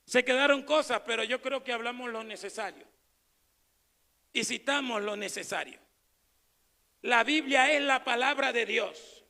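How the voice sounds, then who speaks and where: A man preaching an evangelical sermon as pastor, swinging between shouted proclamation and low, quiet asides. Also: unhurried, vocal fry, pauses often, big-room sound.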